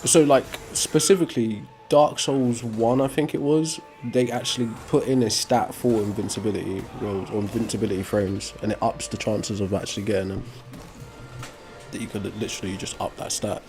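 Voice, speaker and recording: A young man streaming, chatting casually while he plays a game, sometimes breaking into sudden excited shouts. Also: on the low side, moderate pace, faint music behind. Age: young adult. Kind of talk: casual live chat while gaming.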